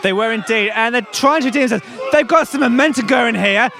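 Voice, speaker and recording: A man giving excited, shouted play-by-play commentary on a tug of war at an outdoor village fair. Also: very high-pitched, brisk, gravelly, a faint crowd. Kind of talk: live sports-style commentary.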